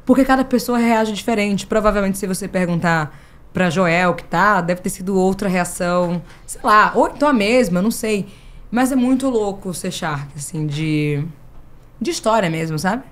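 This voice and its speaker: Lively Brazilian woman telling stories. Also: mid-range voice, moderate pace. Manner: lively storyteller, acting out dialogue with laughter. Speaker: podcast guest, entrepreneur. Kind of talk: casual chat.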